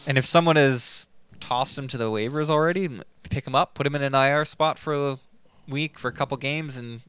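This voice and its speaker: A man with a mid-pitched, smooth voice runs through player news in a matter-of-fact, conversational way. The recording is dry and close. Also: fairly quick, fairly bright tone, no echo. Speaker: fantasy hockey podcast co-host. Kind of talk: casual chat.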